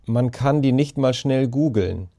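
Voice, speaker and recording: A man reading the lines of a sarcastic, grumbling boy in a storybook, with a dry, muttering manner and a mellow voice. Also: mid-range voice, a little slow, no echo, close to an everyday voice.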